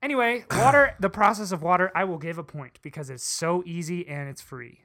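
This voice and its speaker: Bright, dry-sounding young man. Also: sits high, brisk, no room sound. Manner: playful, bickering, mock-scientific. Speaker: podcast co-host. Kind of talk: casual chat.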